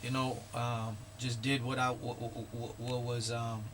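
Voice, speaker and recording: A man from Guyana, a guest artist talking casually in a radio interview, laid-back and quick to laugh. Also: mid-range voice, level tone, a bit bright, a little hiss or hum. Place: radio studio.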